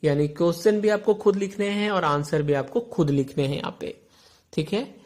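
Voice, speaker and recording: A male teacher with an Indian English accent explaining a textbook lesson, repeating words and reading English lines out slowly. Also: a little high.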